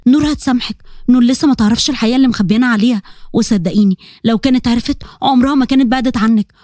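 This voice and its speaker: A woman's voice: fairly high pitch, very fast, mellow, pitched below the performer's own voice, lightly acted. A woman voicing a consoling middle-aged mother with an Egyptian accent. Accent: Egyptian Arabic. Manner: consoling, imploring.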